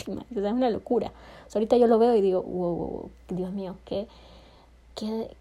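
A woman speaks in a mellow, warm voice, sharing relationship lessons in a casual vlog. She is expressive and dramatizes quoted lines with jumps in pitch and loudness. She restarts her sentences and laughs often. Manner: frequent fillers and self-corrections, laughs often. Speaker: vlogger.

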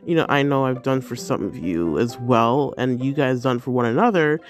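A woman's voice: rumbling low, animated, moderate pace, soft background music. Bubbly, effusive woman podcast host. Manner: bubbly and effusive, many fillers. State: tired, yawning. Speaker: podcast host and life coach. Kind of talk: casual podcast monologue.

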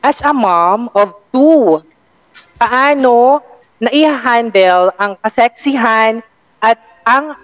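A woman co-hosting a casual chat show, politely reading out viewer questions. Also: on the high side. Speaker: co-host. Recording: dull lo-fi sound.

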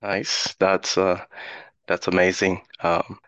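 A man's voice: low voice, level tone, slow pace, fairly bright tone, dry recording. A man co-hosting an interview podcast, friendly, repeating words as he starts a sentence. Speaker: co-host. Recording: dull muffled dry sound.

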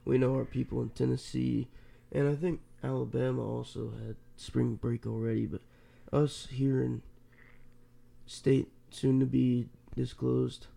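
A man's voice: medium pitch, little pitch movement, unhurried, vocal fry, dark tone. A congested man co-hosting a podcast, chatting casually and telling stories. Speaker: podcast co-host. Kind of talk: casual chat.

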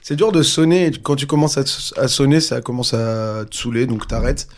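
A man's voice: medium pitch, moderate pace. A musician man chatting casually on a podcast and joking at his own expense. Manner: joking, self-mocking. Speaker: musician guest. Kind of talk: casual chat.

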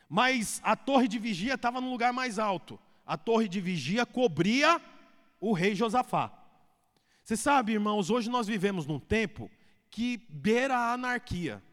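A man preaching a sermon as pastor, swinging between loud and hushed delivery. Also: sits high. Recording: echoey hall reverb.

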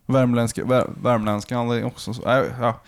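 A man's voice: medium pitch, flat delivery, smooth. A man co-hosting a casual podcast, joking and teasing his co-host with crude banter.

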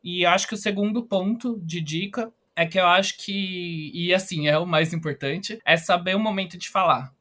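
Brief: young Brazilian trainee, man, earnest explainer, slightly high, crisp bright tone. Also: moderate pace, few pauses. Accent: Brazilian Portuguese. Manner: earnest, explanatory, giving tips. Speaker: company trainee, interviewee. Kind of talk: casual interview answers.

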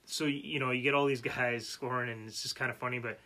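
A man's voice: mid-range voice, steady tone, fairly quick, bright, forceful tone. A man co-hosting a casual podcast chat, rambling through a story with lots of fillers. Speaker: podcast co-host.

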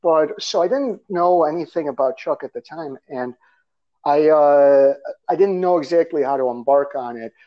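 A fairly high-pitched man from Russia, speaking at a moderate pace, is interviewed conversationally as a guest author. He talks about his background in a loose, rambling manner with fillers and small laughs, over slightly dull lo-fi audio.

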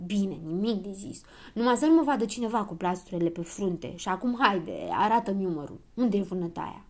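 A woman voicing a fussy, vain little girl who complains loudly in a children's audiobook. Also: mid-range voice, sing-song. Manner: whiny and indignant.

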